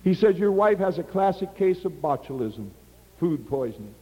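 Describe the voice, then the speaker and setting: Older male missionary preacher, lively storyteller, high voice, echoing sanctuary. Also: moderate pace, muffled recording. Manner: animated storyteller acting out dialogue. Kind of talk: sermon with personal storytelling.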